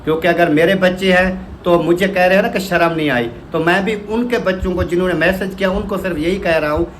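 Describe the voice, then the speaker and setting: A man's voice: high-pitched, fairly even intonation, fast, a little hiss or hum, poor audio. A family vlogger talking casually and directly, repeating his points and checking in with "okay?". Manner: direct and repetitive, keeps asking "theek hai?". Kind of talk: casual vlog talk.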